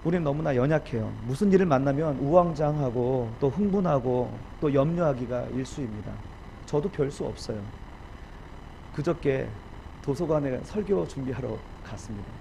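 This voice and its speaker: A man preaching a sermon as pastor, emotional and at times rising to loud pleading. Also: mid-range voice, normal speed, creaky, a little hiss or hum, poor audio.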